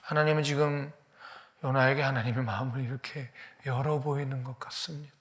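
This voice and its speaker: A man's voice: mid-range voice, steady tone, fairly quick, a bit bright. A male pastor preaching a sermon, retelling a scripture story with earnest emphasis.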